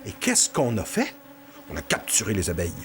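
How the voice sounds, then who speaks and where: A man's voice: on the low side, brisk, a little hiss or hum. A man with a Québécois accent telling an improvised story to children, playful and talking straight to his young listeners. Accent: Québécois French. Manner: animated, playful, talks to the children directly.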